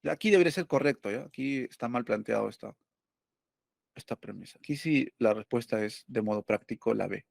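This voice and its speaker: A man's voice: medium pitch, a little fast, creaky, no echo, studio quality. A male teacher going over test questions, explaining step by step and asking and answering his own questions.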